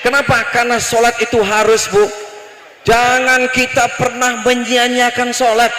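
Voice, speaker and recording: High-voiced preacher in an echoey hall. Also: male voice, measured pace. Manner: addresses the women in the audience directly, lively storytelling. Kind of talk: storytelling sermon. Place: hall at a religious gathering.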